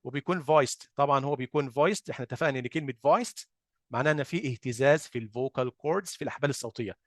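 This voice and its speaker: In a clean studio recording free of room sound, a man with a mid-range voice and an Egyptian Arabic accent explains phonics. He draws out example sounds for demonstration and answers the questions he raises himself.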